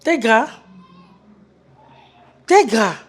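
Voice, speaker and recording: A woman's voice: a little high, sing-song, full character voice. A middle-aged woman with a Congolese French accent playing a grieving mother who calls on God and draws out her cries. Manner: drawn-out, wailing calls of a name.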